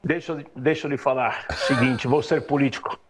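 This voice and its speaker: A man from Argentina giving measured, analytical political commentary as an interview guest, often hesitating, speaking from home over a video call. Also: mid-range voice, fairly even intonation.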